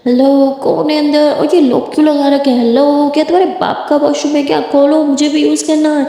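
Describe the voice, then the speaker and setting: A woman's voice: high voice, level tone, mellow. A woman voicing a pushy, nosy college girl. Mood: impatient. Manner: demanding, prying. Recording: echoey room, long reverb.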